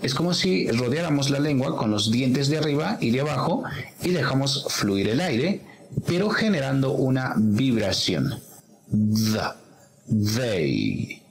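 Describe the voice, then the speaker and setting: A man's voice: mid-range voice, lively intonation, normal speed, soft background music, low-quality recording. A man teaching an English pronunciation lesson, explaining patiently step by step.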